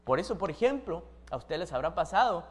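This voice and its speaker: A woman's voice: lowish voice, very animated, fast talker. A woman preaching a sermon, asking the audience questions and acting out everyday scenes with sound effects.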